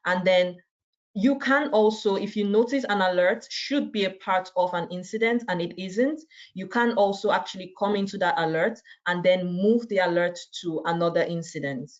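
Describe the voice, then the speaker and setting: A woman with a fairly low voice speaks over a video call, walking viewers through a software demo. Her delivery is conversational and relaxed, and she keeps checking in with "right?". The call audio sounds dull and muffled. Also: normal speed. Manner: conversational, often tags sentences with "right?". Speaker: presenter. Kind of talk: webinar product walkthrough.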